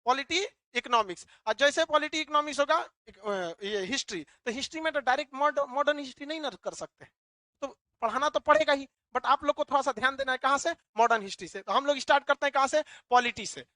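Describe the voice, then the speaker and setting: A male teacher lecturing a classroom, animated, asking the class questions and answering them himself. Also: very high voice, fast, no echo.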